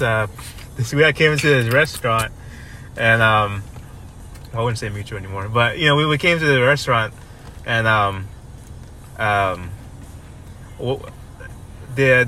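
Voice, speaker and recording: A young man in his twenties chats loosely on a podcast, his tone bright and forward. He rambles, circling back with fillers and restarts. A faint hiss of noise sits behind him. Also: mid-range voice. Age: 20s. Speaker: podcast co-host. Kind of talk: casual chat.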